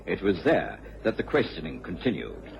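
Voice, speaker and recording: A man with an English accent playing Dr Watson, a measured gentleman companion narrating a radio drama in literary style. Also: deep voice, sing-song, creaky, heavily acted. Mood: measured, reflective. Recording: dull old radio recording, faint noise.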